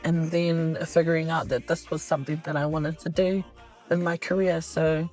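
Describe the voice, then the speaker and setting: A middle-aged woman with a lowish voice answers interview questions about her acting work. She speaks in a relaxed way and often pauses on fillers and restarts. Faint music plays under her voice. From New Zealand. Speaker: actress.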